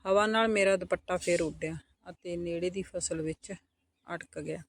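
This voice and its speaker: A woman with a Punjabi accent narrating a first-person story in a soft, intimate scripted delivery. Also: on the low side, fairly even intonation, normal speed, no room sound.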